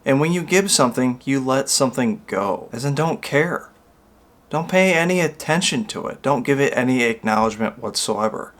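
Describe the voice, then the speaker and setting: A man's voice: mid-range voice, expressive, normal speed, a bit bright. A man with a small video channel giving an earnest, rambling motivational monologue, drawing out key words for emphasis.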